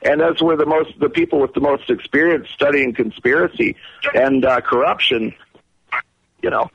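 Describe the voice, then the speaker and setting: A man's voice: mid-range voice, vocal fry, fairly bright tone, slightly rough. Man on a glitchy buzzing phone call. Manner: rambling, halting, many fillers. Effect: buzzy, glitchy phone-call audio that cuts out. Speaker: caller. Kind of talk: call-in radio chat. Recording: muffled phone line.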